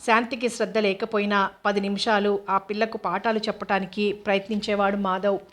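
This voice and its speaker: Lady reading a novel aloud, steady and even, not much pitch movement. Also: a little fast. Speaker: audiobook narrator.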